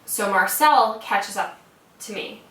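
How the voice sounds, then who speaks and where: A young American woman recounts a story in loose, everyday talk, peppered with "like" and swearing. Her voice is bright and forward. The recording is roomy, with the mic set back from her. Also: medium pitch, animated, takes it slowly, a little hiss or hum. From United States. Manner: casual, swears freely, filler "like" throughout. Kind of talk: casual personal storytelling. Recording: roomy sound from a distant mic.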